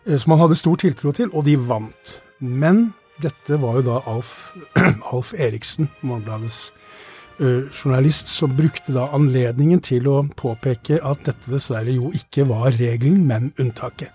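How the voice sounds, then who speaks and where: A man speaking as a studio guest, explaining sports history conversationally in a hesitant, halting way. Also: mid-range voice, mellow, breathy edge, soft background music.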